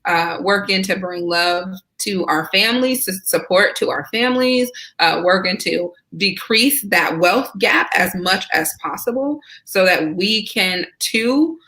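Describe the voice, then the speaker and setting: Bright, talkative woman guest. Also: mid-range voice, animated, unhurried, hardly any pauses. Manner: enthusiastic, talkative, asks rhetorical "right?". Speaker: guest, Senate candidate. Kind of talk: casual conversational interview.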